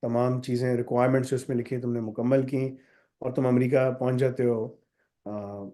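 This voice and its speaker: A college founder with a sore throat answers student questions during a live session, speaking in a direct, instructive manner and switching to English for emphasis. His mid-range voice is dark in tone, with flat delivery at a normal speed.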